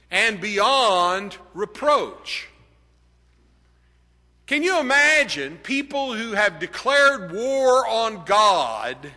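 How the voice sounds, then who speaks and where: A man's voice: sits high, sharp tone. A middle-aged man preaching a sermon, telling a personal story and building to emphatic declarations. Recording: long hall reverb.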